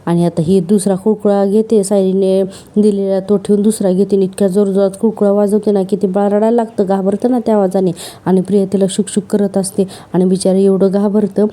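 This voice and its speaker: A woman's voice: medium pitch, little pitch movement, fairly quick, dark tone. A woman narrating a serial episode recap in a chatty storytelling way, with asides to her listeners.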